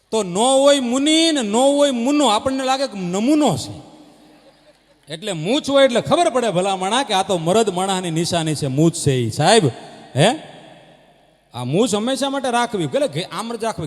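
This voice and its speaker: A high-pitched man works a crowd from the stage, telling jokes. He slips in and out of the people in his stories and barks like a dog. His voice runs through a stage PA with a long reverb trailing behind it. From Gujarat, India. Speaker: stage comedian at a devotional folk gathering. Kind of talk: live stand-up joke telling. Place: live stage before a crowd.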